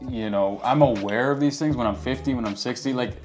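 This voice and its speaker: A man's voice: mid-range voice, fairly quick, darkish tone, soft background music. A man in his twenties hosting a casual chat, talking candidly and reflectively with plenty of "like" and "you know" fillers. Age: 20s. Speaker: host.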